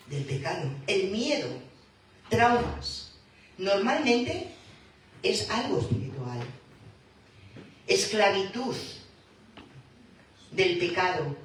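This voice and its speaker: A woman preaching a sermon in a church, slow and emphatic, rising to fervent calls. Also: medium pitch, slight background noise. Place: church hall. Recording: echoey hall, voice from far off.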